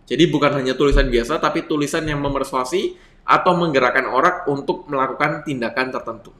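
Young male instructor, casual and chatty, bright tone, recorded in an echoey room. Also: mid-range voice, fast. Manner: conversational teaching, addresses viewers as friends, many fillers. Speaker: copywriting instructor. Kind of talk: online lesson with slides.

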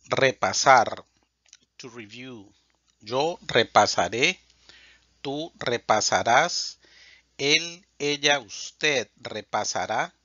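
A man teaching Spanish, reading verb conjugations aloud in a measured, drilled way. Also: mid-range voice, lively intonation, pushed and bright, no room sound. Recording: dull lo-fi dry sound.

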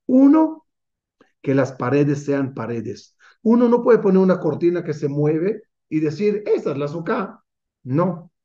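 A male rabbi giving a class, his fairly high, mellow voice swooping widely as he poses question after question. He speaks slowly and deliberately, and the recording sounds dull and lo-fi. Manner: animated teaching with many rhetorical questions. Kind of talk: Torah class over video call.

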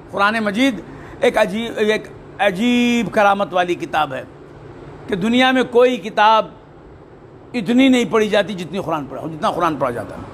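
A man's voice: high-pitched, fairly bright tone, slight background noise. A man delivering a sermon as a preacher. He asks rhetorical questions, answers them himself and recites Arabic verses. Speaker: Sufi preacher.

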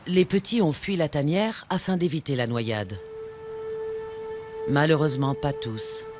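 A man narrates a nature documentary in a fairly high voice. His scripted delivery is measured and told like a dramatic story. Music plays clearly underneath him. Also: animated. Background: background music, animal sounds.

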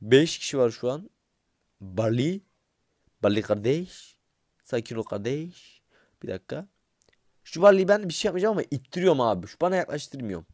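A young man giving casual gameplay commentary, excitable and grumbling, swearing under his breath and talking straight to his viewers. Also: mid-range voice, normal speed, pauses often, dry recording, studio quality. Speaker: gaming YouTuber.

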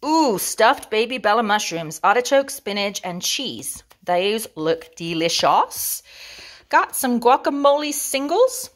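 A woman's voice: fairly high pitch, very animated, takes it slowly. A woman with an English accent, from England, chatting playfully through her grocery haul and savoring each item. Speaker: vlogger. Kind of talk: grocery haul show-and-tell.

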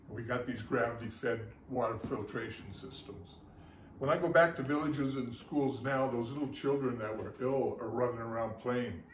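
An older man speaking plainly and heartfelt about ministry work to school children. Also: medium pitch. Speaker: ministry construction leader. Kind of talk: chapel talk. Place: living room, indoors. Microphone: far camera. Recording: roomy, distant camera audio with faint noise.

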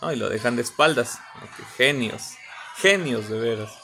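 A man giving comedic reaction commentary on video clips, teasing and animated. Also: mid-range voice, normal speed, slight background noise. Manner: animated, mocking, bursts into shouts and laughter.

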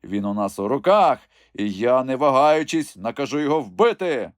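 A gloating, cruel bishop barks commands in a loud, harsh storybook voice, performed by a male narrator. He sounds domineering and quick to rage, recorded dry. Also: medium pitch, animated, clear, resonant tone, dry recording, voice pushed up, close to an everyday voice. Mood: threatening. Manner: barking orders, harsh.

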